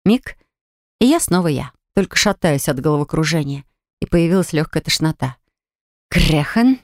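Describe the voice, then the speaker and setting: Woman narrating a fantasy audiobook, lowish voice, expressive, dry close sound. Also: moderate pace, no room sound. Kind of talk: first-person fantasy audiobook reading.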